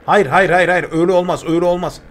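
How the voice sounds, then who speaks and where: A young man streaming a survival game live, chatting with viewers and yelping in excitable bursts of panic as he plays. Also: high voice, very fast. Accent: Turkish. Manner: excitable, yelps and repeats words when panicking. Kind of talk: live gameplay commentary.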